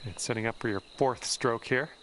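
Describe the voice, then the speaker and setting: A man's voice: medium pitch, brisk, fairly bright tone, slight background noise, lightly acted. A man playing an upbeat, easygoing golf commentator in a video game, calling shots conversationally with exclamations. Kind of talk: sports commentary.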